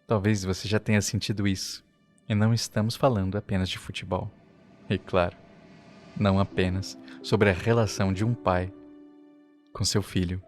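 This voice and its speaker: A low-pitched man with a Brazilian Portuguese accent delivers a scripted podcast narration. His pacing is slow and reflective. Soft music plays faintly beneath his voice. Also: little pitch movement.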